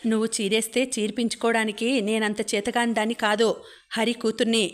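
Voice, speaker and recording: A young college woman in a spoken storybook talks back firmly and cuttingly, as a woman reads her. The voice sits fairly high and stays level. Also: flat delivery, brisk, lightly acted. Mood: defiant. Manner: cutting, firm. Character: young college woman, defiant and sharp-tongued.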